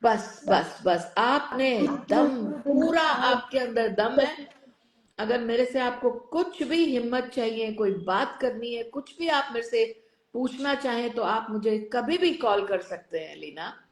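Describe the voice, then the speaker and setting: A woman's voice: fairly high pitch, expressive, a little slow, reverberant. A woman hosting a live online chat, encouraging her guests and mixing English phrases into her Hindi. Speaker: host of a live online show.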